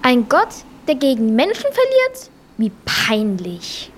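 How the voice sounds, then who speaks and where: A woman acts a scornful boy villain in a children's audio drama. The delivery is slow and gloating, in a fairly high voice with faint noise behind it. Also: expressive. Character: smug, scornful schoolboy villain.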